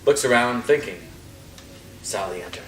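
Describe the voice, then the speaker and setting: A man's voice: medium pitch, lively intonation, normal speed, fairly bright tone. A man reading stage directions as scripted narration at a rehearsed play reading. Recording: distant, echoey room, faint noise.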